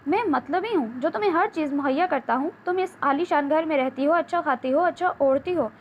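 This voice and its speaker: A woman's voice: sits high, lightly acted. A woman reading the part of a stern, defensive businessman husband in an audiobook novel, with a curt, lecturing delivery. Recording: dull lo-fi with faint hiss.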